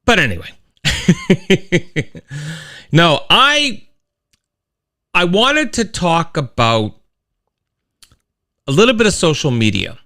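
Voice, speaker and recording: Animated, bright-voiced man. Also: high-pitched, takes it slowly, pauses often. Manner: animated storyteller, rambling with restarts and sound effects. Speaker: host of a weekly live-stream show. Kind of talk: casual monologue to a live chat.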